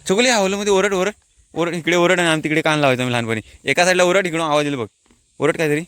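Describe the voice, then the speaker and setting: Explaining local words to his viewers, a Konkan vlogger walks a hilltop by a water tank, talking casually into a handheld phone in Konkani-accented Marathi. He speaks very fast in a slightly high voice that is fairly bright, clear and resonant.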